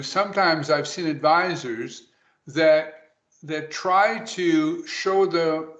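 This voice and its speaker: A man giving a webinar presentation to financial advisors, talking quickly and briskly. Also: fairly high pitch, fairly bright tone. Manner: brisk, rapid delivery. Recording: roomy, dull lo-fi audio.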